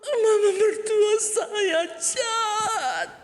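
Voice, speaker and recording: A man voicing an upset wife in a high, whiny falsetto, pleading during a sermon story. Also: animated, measured pace, creaky, a little mellow, full character voice. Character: shrill upset middle-aged wife. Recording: echoey church hall.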